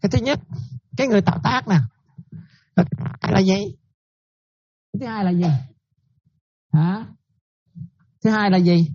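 A woman's voice: mid-range voice, normal speed, pauses often, dark tone, muffled recording. A Buddhist nun giving a dharma talk, often checking that her listeners follow and repeating her points.

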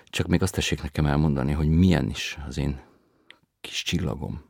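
A man's voice: very deep voice, creaky, dry recording, studio quality, heavily acted. A man playing a doting, anxious old grandmother. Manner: soft, anxious questions, sometimes hushed to a whisper.

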